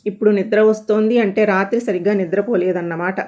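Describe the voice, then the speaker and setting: A woman's voice: medium pitch, steady tone, fast talker, darkish tone, highs cut off, natural voice. A woman voicing an impatient, scornful male hospital doctor in a storybook reading, speaking in a brusque, sarcastic, scolding way. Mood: insistent.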